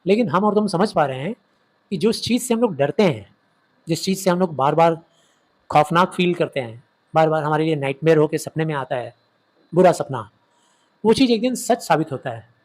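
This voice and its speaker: Man teaching a story, fairly high voice. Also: expressive. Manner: retells the story with quick acted quotes, asks and answers his own questions. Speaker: English literature teacher. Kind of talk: explaining a story to students.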